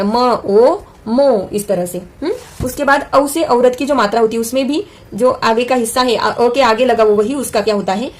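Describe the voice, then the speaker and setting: A woman with a somewhat high voice teaches a lesson. She explains patiently and repeats each example sound, drawing it out slowly so learners can follow. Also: darkish tone. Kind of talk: classroom-style lesson explanation.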